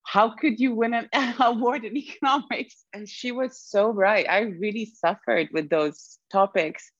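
A young woman raised in Sweden as an interview guest, reflective and quick to laugh. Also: on the high side, no room sound, highs cut off. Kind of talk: conversational interview.

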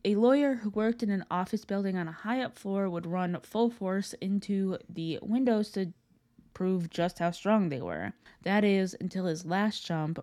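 A woman's voice: lowish voice, dark tone. A young adult woman telling urban legends as a podcast host in a casual, conversational way with informal asides.

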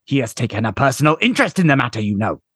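A man's voice: mid-range voice, sing-song, racing, fairly bright tone, husky, dry recording, studio quality, voice pushed up. A man reading a story aloud, voicing a furious, proud male noble commander who barks outraged threats. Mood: commanding.

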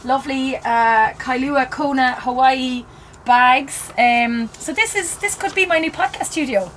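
A woman's voice: high-pitched, a little slow, a bit bright, a little hiss or hum. Woman interviewing inside a parked van. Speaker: podcast host. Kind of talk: casual interview chat. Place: inside the back of a van parked in a car park.

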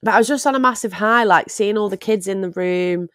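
A woman's voice: mid-range voice, fairly quick, a bit bright, no echo, studio quality. A woman co-hosting a podcast, telling anecdotes in a casual, blunt and bantering way. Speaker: podcast co-host.

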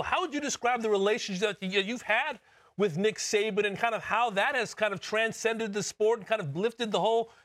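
High-voiced male golf show host. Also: a bit bright. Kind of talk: interview questions.

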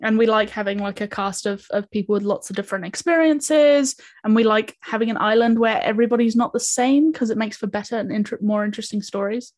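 A woman from New Zealand talks in a lively, casual way, with an accent that mixes New Zealand and English. She laughs often and swears in passing while she chats about making her podcast. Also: fairly high pitch, brisk, hardly any pauses. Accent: mixed New Zealand and English. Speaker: podcast co-creator and writer. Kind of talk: casual chat.

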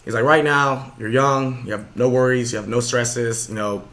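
A young podcast host tells a motivational story, fast, earnest and casual, packed with fillers. His voice has a medium pitch, a steady tone and a bit of brightness.

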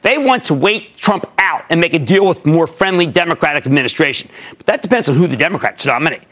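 A middle-aged man hosting a stock market call-in show, talking emphatically with sudden loud bursts and low asides. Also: expressive, fast talker. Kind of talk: energetic market commentary and call-in.

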